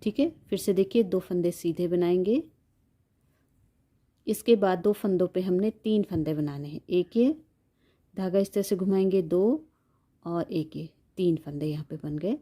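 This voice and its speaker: A woman with a low, very dark and mellow voice walks viewers through a knitting pattern. She speaks slowly and patiently, repeating steps and counting stitches aloud. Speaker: knitting instructor. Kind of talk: step-by-step knitting tutorial.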